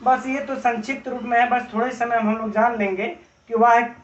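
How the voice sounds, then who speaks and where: A male teacher delivers an exam-prep lecture, working through examples and posing rhetorical questions to the class. His voice sits high. The sound is dull and lo-fi, picked up from some distance in a reverberant room. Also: steady tone, a little fast, slight background noise. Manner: frequent tag "है ना". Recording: roomy, distant, dull lo-fi audio.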